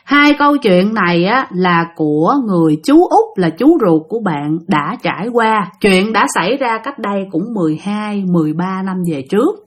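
A woman's voice: medium pitch, sing-song, normal speed, hardly any pauses, slightly rough. A woman with a Southern Vietnamese accent, telling listener-sent ghost stories in a chatty way, speaking directly to her audience. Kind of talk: spoken storytelling.

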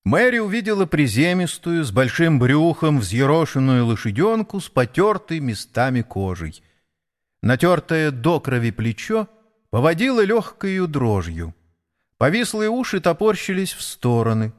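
A man narrating a children's story in an expressive, unhurried reading. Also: a little high.

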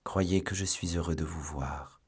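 A man voicing a young male musketeer turned earnest, pious seminarian who speaks gently. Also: low voice, fairly even intonation, unhurried, husky, voice pushed down, full character voice. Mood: gentle, earnest.

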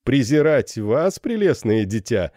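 A man playing a vain, gallant young army captain who speaks loudly and patronisingly. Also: on the low side, animated, measured pace, no room sound, studio quality. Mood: gallant, swaggering. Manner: loud, jovial, patronising.

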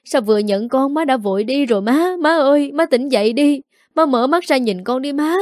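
A woman's voice: on the high side, a little fast, warm tone, no echo, clean studio sound, natural voice. A woman voicing a grown son who cries and pleads over his dying mother in a narrated story. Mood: wailing.

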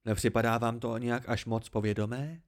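A man voicing a gruff, quarrelsome male mercenary who grumbles and provokes in an amateur storybook reading. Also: medium pitch, steady tone, close to an everyday voice. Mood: grumbling.

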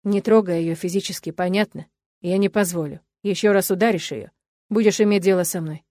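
A woman's voice: on the low side, fairly quick, warm tone, no room sound, lightly acted. A woman voicing a young man who stands up to his father, speaking firmly and steadily. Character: young man, defiant son, protective and firm.

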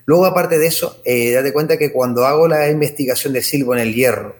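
A man's voice: mid-range voice, brisk. A man with a Canarian Spanish accent, an ethnomusicologist guest giving long, discursive explanations full of tag questions. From Tenerife, Canary Islands. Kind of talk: explanatory interview answers.

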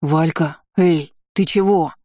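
A reader voicing a grieving boy who talks in a shaken, halting way. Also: medium pitch, mellow, no echo, studio quality. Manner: shaken, spitting words, coaxing a dead friend. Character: grieving boy, adult man hidden inside.

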